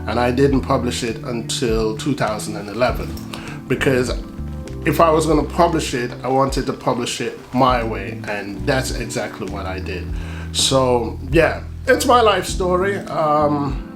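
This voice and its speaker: A middle-aged man from Jamaica, an author, talking casually and reflectively with frequent pauses and ums. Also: mid-range voice, lively intonation. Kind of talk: casual talk to camera. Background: soft guitar music.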